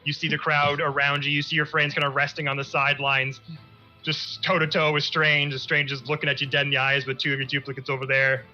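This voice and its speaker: A man narrating a tabletop game as game master, laughing often and animated. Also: fairly high pitch, a little fast, lo-fi sound, faint music behind.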